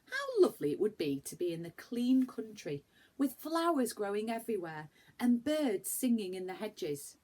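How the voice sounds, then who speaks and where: A woman with a medium-pitched voice reads a children's story aloud at a normal speed. Like a primary school teacher, she adds animated, dramatic emphasis for her young listeners.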